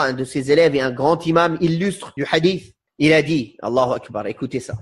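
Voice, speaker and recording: A man teaching a religious lesson, slowly and with emphasis, who repeats quotations and asks his listeners questions. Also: high voice. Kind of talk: religious lecture.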